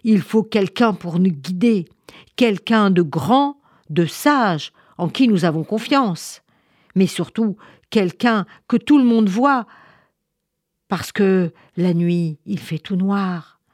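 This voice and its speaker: A woman voicing an old, wise male elephant in a children's story, speaking slowly and solemnly. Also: medium pitch, expressive, a little mellow, no echo, studio quality.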